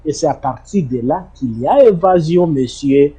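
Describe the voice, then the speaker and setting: A middle-aged man from the Democratic Republic of Congo, a former detainee, gives emphatic testimony as an interview guest, often repeating his words. His fairly high voice is expressive and dark with a breathy edge, at normal speed.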